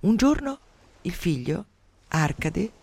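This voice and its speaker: A man tells an ancient myth on the radio in a dramatic way, stopping now and then for wry asides. His voice sits fairly high, and the studio sound is close and dry. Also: sing-song, slow, creaky, darkish tone, dry recording. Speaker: radio storyteller. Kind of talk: retelling a myth with commentary. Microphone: studio mic.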